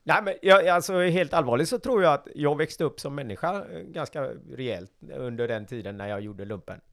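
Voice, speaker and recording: Gravelly-voiced man telling stories. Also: fairly high pitch. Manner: lively, acts out voices in his stories. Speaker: podcast guest, former coast ranger. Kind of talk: casual anecdotal storytelling.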